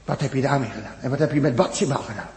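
A man preaching a sermon to his congregation, repeating phrases with emphasis, swinging from loud peaks to near-whispered drops. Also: medium pitch, racing, in a large hall. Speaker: pastor.

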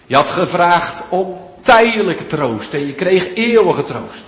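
A man preaching a sermon, swinging between loud, pleading appeals and hushed, almost whispered lines. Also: high voice, big pitch swings, takes it slowly. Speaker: pastor. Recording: echoey church hall, long reverb.

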